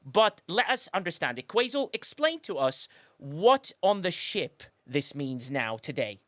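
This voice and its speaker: A man's voice: fairly high pitch, very animated, unhurried, a bit bright, no echo. A man hosting a casual live-stream podcast, chatty and effusive, rambling with frequent restarts. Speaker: podcast host.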